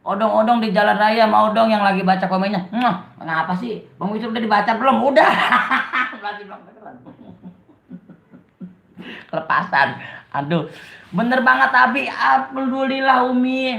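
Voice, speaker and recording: A man's voice: high voice, fairly quick, vocal fry, a bit bright. A man with a Betawi accent hosts a casual live stream, reading viewers' comments aloud and teasing them with a lot of laughter. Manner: joking and teasing, laughs often. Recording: dull, roomy lo-fi live stream.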